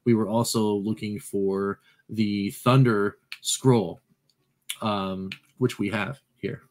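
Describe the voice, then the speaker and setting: A man's voice: lowish voice, steady tone, takes it slowly. A man hosting a retro game channel, talking casually over his gameplay, rambling and correcting himself with playful asides.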